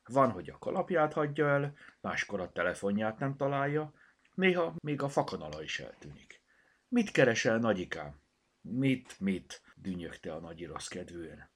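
Husky low-voiced man reading a children's story. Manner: expressive, many voices. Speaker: narrator.

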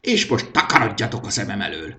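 A man voicing a shrill, tyrannical king of lost things in a storybook reading, with a screeching high voice. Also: huge pitch swings, creaky, sharp tone, exaggerated voice. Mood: commanding.

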